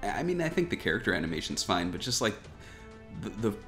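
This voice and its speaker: Talking fast in a sing-song way, a man with a lowish, fairly bright voice hosts a gaming news show. He casually cracks wry jokes about a video game trailer as music plays behind him.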